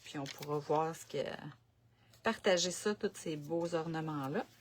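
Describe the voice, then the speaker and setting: A woman's voice: low-pitched, a little slow, noisy background. A woman with a Quebec French accent giving a casual live craft demo at her home desk, chatting and thinking aloud as she works. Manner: chatty, thinks aloud while working, many fillers. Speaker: craft demonstrator on a live stream. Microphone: camera set on the desk.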